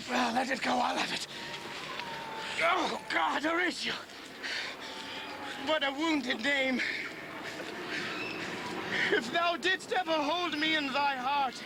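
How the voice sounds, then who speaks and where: A man playing an anguished dying prince in Shakespearean stage style, with halting, gasping delivery. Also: extremely high pitch, vocal fry, heavy background noise, full character voice. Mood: desperate. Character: dying Danish prince, anguished, poisoned, passionate.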